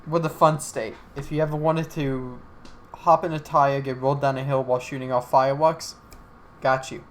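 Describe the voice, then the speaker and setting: A man's voice: mid-range voice, little pitch movement, moderate pace, slight background noise. A young man from Alabama co-hosting a casual podcast, joking around, swearing freely and rambling. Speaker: podcast co-host. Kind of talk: casual chat.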